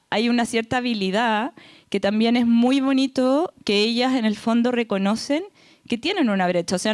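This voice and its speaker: Mujer chilena de voz aguda y seca. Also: female voice, fairly high pitch, dry recording, clean studio sound. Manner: earnest, tag questions like "¿ya?". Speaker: foundation representative on a panel. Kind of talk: panel talk.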